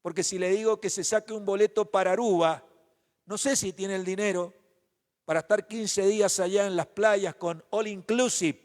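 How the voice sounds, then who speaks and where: A man's voice: high-pitched, steady tone, normal speed. A man preaching a sermon as pastor, asking the congregation question after question. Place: church hall. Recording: reverberant church hall.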